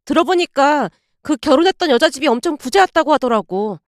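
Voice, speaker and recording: A woman's voice: sits high, lively intonation, a little fast, no room sound, studio quality. Woman voicing a chatty gossiping nurse.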